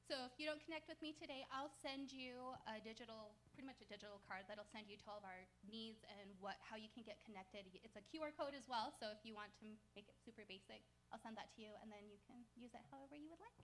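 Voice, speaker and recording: A woman from a charity speaking on a church stage in a chatty, lively way with quick asides. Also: on the high side, slight background noise. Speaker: charity representative. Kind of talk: casual stage talk.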